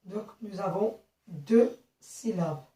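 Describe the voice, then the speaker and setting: A woman teaching young children a phonics lesson, speaking slowly and clearly, repeating and spelling out words and often checking they follow. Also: medium pitch, mellow. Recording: echoey room, voice from a distance.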